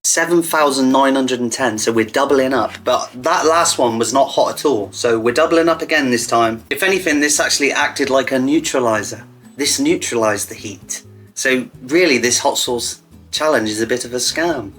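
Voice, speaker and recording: A man's voice: mid-range voice, normal speed, a bit bright, faint music behind. A man chatting casually to camera in a blunt, sweary, self-mocking way, as host of an online video. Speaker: online content creator hosting a hot wing challenge.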